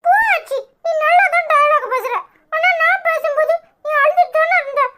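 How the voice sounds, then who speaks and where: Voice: extremely high pitch, normal speed, heavy background noise. A performer voicing a mischievous, teasing young grandson in a cartoon, speaking with a Tirunelveli Tamil accent. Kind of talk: cartoon voice acting.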